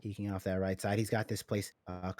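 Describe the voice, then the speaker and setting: Man, esports caster, low voice, play-by-play calls, faint noise behind. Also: level tone, a little mellow. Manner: laid-back banter, quick play-by-play calls.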